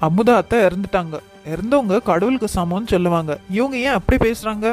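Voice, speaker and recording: A woman's voice: mid-range voice, lively intonation, fairly quick, a little mellow, close to an everyday voice. A woman voicing an indignant young boy in a cartoon, protesting in a pushy way. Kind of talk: cartoon voice acting. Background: faint background music.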